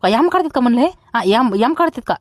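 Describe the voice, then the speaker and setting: Guy playing a grumbly village dad from vidarbha, high fast voice, dry sound. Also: lively intonation, no echo. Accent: Vidarbha Marathi. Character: exasperated village father Hiraman. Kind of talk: comedy skit.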